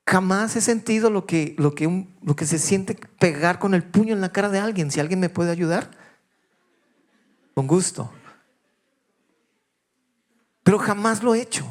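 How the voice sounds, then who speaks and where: Male pastor, 50s, fairly high voice, confessional sermon delivery that moves from hushed to raised. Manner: personal confessional storytelling, shifting between hushed and raised voice.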